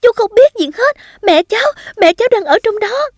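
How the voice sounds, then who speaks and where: A woman's voice: animated, moderate pace, no echo, clean studio sound. A woman voicing a frightened young child screaming for their mother in a storybook reading. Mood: panicked. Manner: shrill, pleading cries. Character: panicked young child, frantic.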